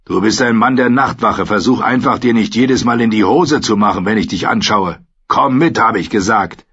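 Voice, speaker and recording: A man voicing a gruff, stern old commander who barks his orders, in an audiobook reading. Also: lowish voice, moderate pace, a bit bright, dull audio. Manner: gruff, barking.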